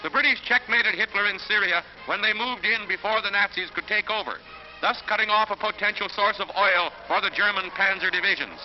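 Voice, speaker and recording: Over a dull, lo-fi 1940s film soundtrack with music, a man narrates an old newsreel in a high-pitched voice, a little fast. His delivery is dramatic and emphatic.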